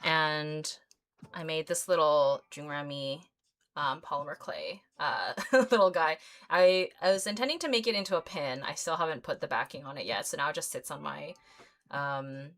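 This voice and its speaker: A woman in her mid-thirties talks casually to her livestream viewers while she paints. Her voice sits notably low for a woman, and she rambles along with plenty of ums, likes and small giggles. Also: normal speed, fairly bright tone. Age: 30s. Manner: rambling, filler-heavy, giggly. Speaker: artist livestream host.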